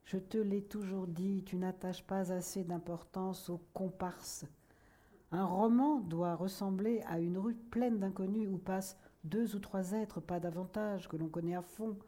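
A woman's voice: medium pitch, fairly even intonation, warm tone, pitched above the performer's own voice, lightly acted. A woman doing a pompous, touchy male novelist. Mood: lecturing. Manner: lecturing, pompous, quick to anger. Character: vain irritable middle-aged male novelist.

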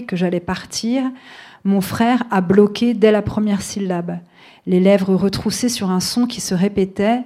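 A woman author talking about her fiction and reading a passage of it aloud in a measured, thoughtful way. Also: mid-range voice, warm tone.

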